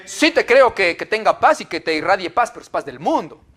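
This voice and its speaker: A male pastor with a Mexican Spanish accent preaching a conversational sermon. He is lively and informal and keeps checking in with tag questions. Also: high voice, a little fast.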